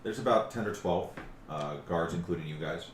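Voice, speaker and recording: A man's voice: low voice, brisk. A man running a tabletop game as game master, narrating casually. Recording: echoey room, faint background noise.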